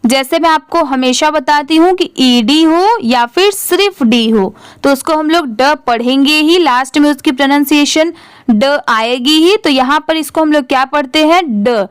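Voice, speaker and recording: At a moderate pace, a woman with a high voice teaches a slow spelling-out English reading lesson, recorded dry in studio quality. She spells each word letter by letter, asks the class how it reads, and then blends and answers it herself.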